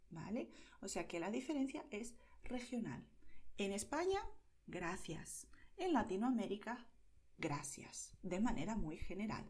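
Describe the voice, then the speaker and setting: With a Madrid accent, a Spanish woman gives a slow, careful pronunciation lesson in a mid-range voice. She demonstrates each word, often in a soft whisper, and keeps checking in with "¿vale?"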